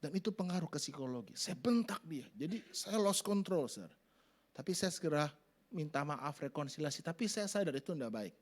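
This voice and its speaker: A middle-aged man preaching a sermon, acting out family scenes in sudden loud voices. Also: on the high side, brisk. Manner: animated, acts out family scenes with shouted voices. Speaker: pastor.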